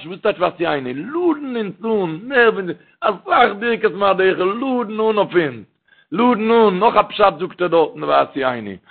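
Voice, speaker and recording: Gravelly man preaching over a tinny line. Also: high voice. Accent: Yiddish. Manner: rambling, repetitive, addresses the listener with "verstehst du". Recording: tinny phone-like recording.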